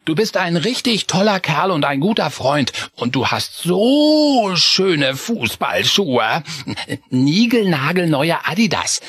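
A man voicing an eager, chatty young boy mouse in a children's story, raising his voice high. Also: husky, dry recording, exaggerated voice. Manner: excited, chatty.

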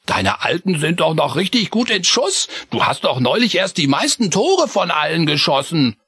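A man's voice: on the high side, sing-song, normal speed, fairly bright tone, slightly rough, no echo, studio quality, voice pushed up, exaggerated voice. A man voicing a friendly young field mouse boy who mumbles his words. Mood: easygoing.

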